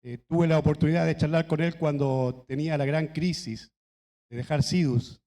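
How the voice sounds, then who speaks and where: A man's voice: a little high, steady tone, normal speed, warm tone, in a large hall. A middle-aged man from Chile, a pastor telling personal anecdotes in a conversational anniversary sermon. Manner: conversational storytelling with laughs and asides. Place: church hall.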